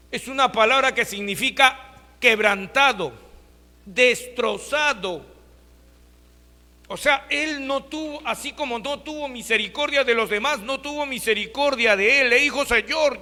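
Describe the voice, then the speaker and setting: A man preaches a sermon in a high, bright voice, throwing rhetorical questions at his congregation. His voice rings through a reverberant hall with a long tail of echo. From Peru. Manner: rhetorical questions, addresses listeners as brothers. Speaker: pastor.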